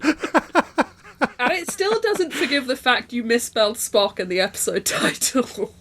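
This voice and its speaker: A woman's voice: on the high side, sing-song, a little slow, a bit bright, a little hiss or hum. Bubbly rambling woman podcaster. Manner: bubbly, rambling, backtracks mid-sentence. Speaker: podcast co-host. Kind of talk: casual chat.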